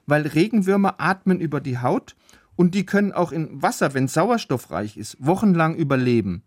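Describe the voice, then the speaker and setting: A man as the biologist guest, calmly explaining facts in a podcast chat. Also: high-pitched. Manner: patient, factual explainer.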